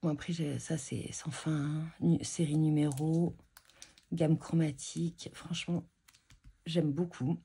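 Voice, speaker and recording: A woman with a fairly low, warm and mellow voice talks through her craft purchases in an easygoing show-and-tell way. She hesitates often, restarting sentences and filling pauses. Her tone stays soft rather than bright. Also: fairly even intonation, creaky, slightly rough. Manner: chatty and hesitant, many fillers and restarts. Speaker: scrapbooking vlogger showing purchases. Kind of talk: casual show-and-tell chat.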